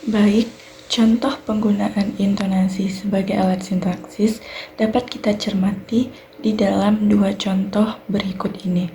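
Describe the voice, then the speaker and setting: A young woman with an Indonesian accent, a university student giving a clear, methodical recorded class presentation on sentence structure. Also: mid-range voice, flat delivery, measured pace, warm tone, slight background noise. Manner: clear explanatory delivery, fillers like "nah" and "baik".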